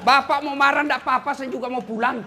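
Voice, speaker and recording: A man with a Makassar Indonesian accent preaching a lively sermon, teasing and scolding his listeners with jokes, over faint noise from a live venue. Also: very high-pitched, quick pace.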